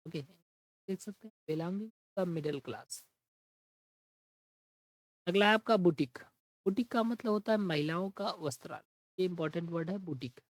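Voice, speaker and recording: A man's voice: sits high, no room sound, poor audio. Man teaching vocabulary, dry close sound. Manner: explains in Hindi, reads English definitions slowly. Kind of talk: exam-prep vocabulary lesson.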